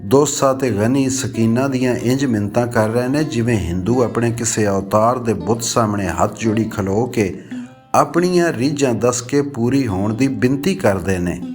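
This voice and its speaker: A man narrating a rural novel in a measured, steady storytelling voice. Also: mid-range voice, faint music behind.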